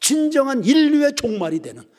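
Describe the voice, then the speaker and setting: A male pastor preaching a sermon, swinging from ringing emphasis down to hushed near-whispers. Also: extremely high pitch, sing-song, a little fast. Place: church sanctuary. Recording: reverberant church hall.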